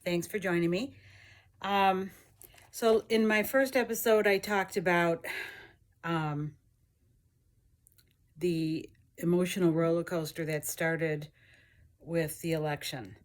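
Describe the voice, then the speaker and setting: Slow, low-voiced woman telling her story. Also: fairly even intonation. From United States. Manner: rambling, halting, many fillers and restarts. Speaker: vlogger. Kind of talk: casual personal storytelling.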